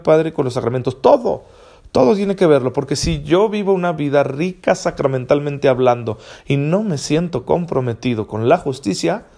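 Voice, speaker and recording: Priest, warm dark tone, fervent daily sermon delivery. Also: male voice, mid-range voice. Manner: impassioned, exhorting, with frequent rhetorical "¿sí?".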